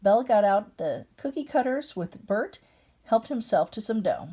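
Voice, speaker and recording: A woman's voice: mid-range voice, sing-song, normal speed, dark tone, slightly rough. An older woman reading a picture book aloud as a grandmother, breaking off for chatty asides. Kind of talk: storybook read-aloud with asides.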